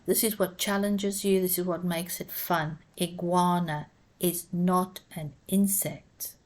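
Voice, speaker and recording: Woman teacher, very slow and measured, low-pitched voice, spells words out letter by letter. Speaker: English teacher. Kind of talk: slow, careful pronunciation lesson.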